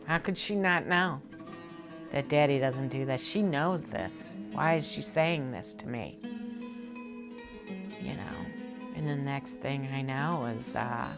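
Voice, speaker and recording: A woman with a Pittsburgh accent telling a personal story from childhood in a halting, emotional way that often drops to a hush, with music behind her. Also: extremely low pitch. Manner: halting, emotional, dropping to hushed near-whispers. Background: plucked guitar music.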